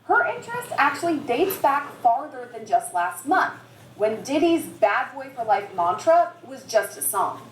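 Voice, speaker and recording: A woman news reporter with a polished, measured delivery in a broadcast report. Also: high voice, big pitch swings, crowd noise. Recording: echoey news clip with faint background.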